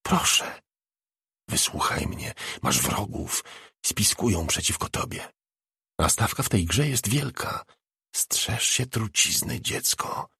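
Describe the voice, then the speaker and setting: An ancient female spirit of the dead speaks in a grave, commanding hush, as a man reading an audiobook puts her on. The voice sits low and husky, half whispered. The recording is dry and close. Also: sing-song, takes it slowly, no room sound, heavily acted. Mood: warning.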